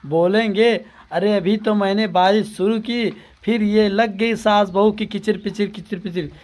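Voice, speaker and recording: A man voicing a hot-tempered young husband in a comedy cartoon who shouts and threatens. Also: high-pitched, steady tone, a little slow. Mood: pleading.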